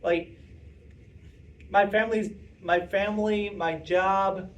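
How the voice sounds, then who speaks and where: Young man, casual talk, rambling, fairly high voice, heard from a distance, faint room noise. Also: fairly even intonation, slow pace. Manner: chatty, rambling, self-interrupting with fillers. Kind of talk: casual talk answering audience questions. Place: meeting room with audience.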